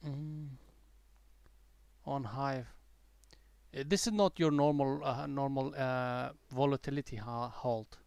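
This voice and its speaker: Stream host, male, mixed American and British accent, gravelly voice, dry close sound, rambling and chatty. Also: mid-range voice, takes it slowly, darkish tone, no echo. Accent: mixed accent, partly American-tinged English learned abroad, softened by years in the UK. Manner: chatty and rambling, with many fillers and restarts. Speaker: day-trading livestream host. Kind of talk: casual live trading commentary.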